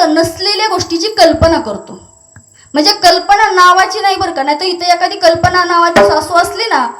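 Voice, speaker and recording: High-voiced woman preaching a kirtan. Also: roomy sound. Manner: lively storyteller who breaks into chanted verses. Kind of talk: devotional sermon with storytelling and song.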